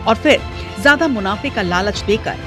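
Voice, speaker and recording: A woman narrates a scripted news voice-over with punchy, dramatic phrasing over faint music. Her mid-range voice is animated and moderately paced.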